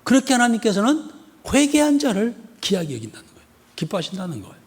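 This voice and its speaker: A man's voice: high-pitched, quick pace. A male pastor from the area gives an expository sermon, asking the congregation questions again and again and acting out scenes. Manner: animated, rhetorical questions to the congregation, acts out a scolding mother. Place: church sanctuary. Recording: husky voice in a long-reverb church hall.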